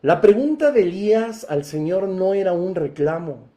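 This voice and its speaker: A man preaching a Bible teaching sermon, emphatic, inviting listeners to picture each scene and swelling into loud, forceful passages. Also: high voice, lively intonation, normal speed.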